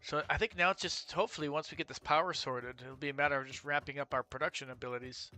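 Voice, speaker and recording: A man's voice: a little high, steady tone, fast talker, bright, forceful tone. A man streaming a factory-building game, thinking aloud in casual commentary with fillers and restarts.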